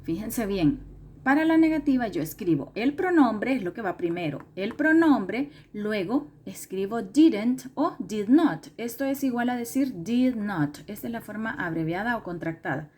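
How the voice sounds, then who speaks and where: A woman's voice: a little high, animated, normal speed, darkish tone, slight background noise. Woman teacher, patient step-by-step lesson delivery, repeats key points and self-corrects. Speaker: English teacher. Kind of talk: recorded classroom lesson explanation.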